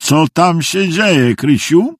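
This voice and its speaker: A man voicing an older male lawyer who speaks in a low, calm, measured way. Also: dry recording, studio quality. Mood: calm, tense.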